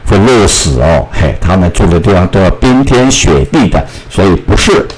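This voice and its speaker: A man's voice: low voice, a little hiss or hum, rough recording. A man teaching a recorded English lesson, sounding out spellings and repeating model phrases. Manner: slow, drawn-out model phrases with a lively voice.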